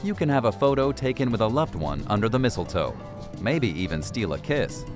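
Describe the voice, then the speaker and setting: A man with a low, animated voice reads scripted travel narration in a voice-over. Music plays clearly behind him. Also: normal speed. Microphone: studio voice-over. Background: background music.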